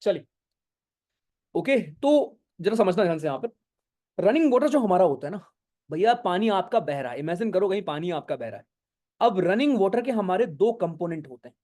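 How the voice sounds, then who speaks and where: A male geography teacher giving an online exam-prep lecture, explaining slowly with many English terms, often checking whether students follow and scolding them for going off topic. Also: sits high, expressive, warm tone. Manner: mixes English terms into speech, keeps asking if it is clear. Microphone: no earphones, talking to an online class.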